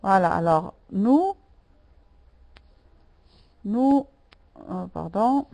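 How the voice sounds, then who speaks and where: Woman French teacher, unhurried and patient, mid-pitched, repeats each word for students. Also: expressive, vocal fry, dark tone, poor audio. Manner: patient, repeats words and corrects students by name. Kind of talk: online language lesson.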